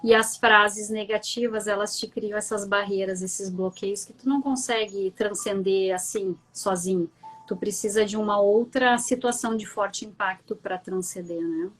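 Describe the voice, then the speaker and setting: A woman's voice: medium pitch, steady tone, normal speed, rough recording. A woman with a southern Brazilian gaúcho accent, a coach and guest telling a personal story on a live stream in a chatty, candid way. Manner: chatty and candid, often checking in with "entende?".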